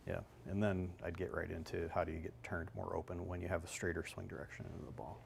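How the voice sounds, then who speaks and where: A man's voice: sits low, level tone, fast, gravelly, a little hiss or hum. A man working as a golf instructor, explaining swings in a loose, conversational way on a live analysis show.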